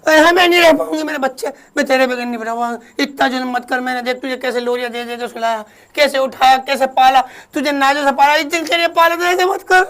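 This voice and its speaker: Man playing a shrill fierce old mother-in-law. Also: steady tone, fast talker, few pauses, fairly bright tone. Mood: pleading. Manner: shrill, melodramatic scolding and pleading. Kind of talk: comedy sketch acting.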